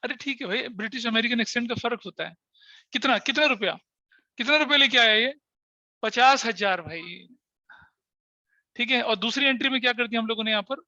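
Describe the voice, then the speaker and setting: Middle-aged guy teaching accounts, bright voice, kinda dull dry recording. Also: very high voice, fairly quick, long pauses, dry recording. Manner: talks to students directly, mixes Hindi and English terms, jokes and scolds. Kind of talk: online class lecture.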